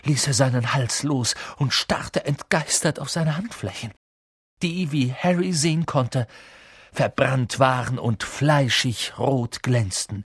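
A man reading an audiobook aloud in an expressive, dramatic storytelling manner. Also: mid-range voice, slow, slightly rough, no room sound, studio quality. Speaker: audiobook reader. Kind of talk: scripted audiobook narration.

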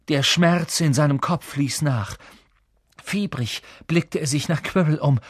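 A man reading an audiobook aloud in an expressive, dramatic storytelling manner. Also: a little high, breathy edge, no echo, studio quality. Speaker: audiobook reader. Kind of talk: scripted audiobook narration.

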